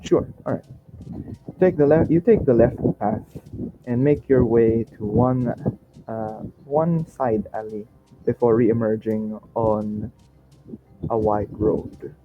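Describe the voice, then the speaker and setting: A man narrates a tabletop game as its game master, relaxed and unhurried, laughing often as he hunts through his notes. His voice comes through a dull, lo-fi recording with a faint hiss behind it. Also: mid-range voice. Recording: dull lo-fi sound with faint noise.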